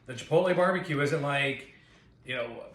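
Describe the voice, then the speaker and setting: A man's voice: mid-range voice, normal speed, fairly bright tone. A man chatting casually as co-host of a snack taste test, eating crunchy chips between remarks. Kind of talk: casual chat while tasting food. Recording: echoey room with faint noise.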